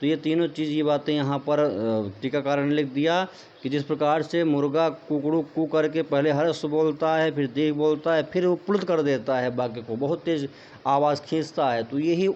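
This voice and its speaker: A man's voice: fairly high pitch, steady tone, moderate pace, a little mellow, highs cut off. A man teaching Sanskrit grammar in an online lecture. He explains step by step, asks questions and answers them himself. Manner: explanatory, repeats points as questions to the viewer, addresses them as friends.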